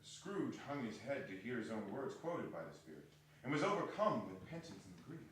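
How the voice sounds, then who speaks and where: A man's voice: medium pitch, very animated, normal speed, fairly bright tone. A man narrating a literary story as a dramatic reading. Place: hall of arts center. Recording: echoey hall, distant mic, faint noise.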